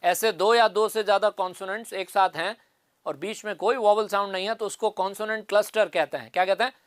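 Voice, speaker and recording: A man with a fairly high voice teaches an exam-prep lesson. He works through each point step by step and asks the class questions he then answers himself. The recording is dry, with no room sound. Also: fairly even intonation, brisk, clear, resonant tone, dry recording. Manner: explains step by step, repeats key answers.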